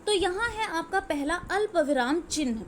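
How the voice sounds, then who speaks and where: A woman's voice: very high-pitched, expressive, normal speed, slight background noise. A woman teaching a grammar lesson to exam students, explaining step by step and often checking in with "okay". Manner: explanatory, repeats "ठीक है" often.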